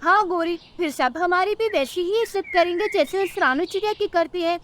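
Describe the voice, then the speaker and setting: A woman's voice: very high-pitched, normal speed, a bit bright, slight background noise. A woman voicing a cunning, greedy male crow in a cartoon, wheedling as he begs. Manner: wheedling and grasping.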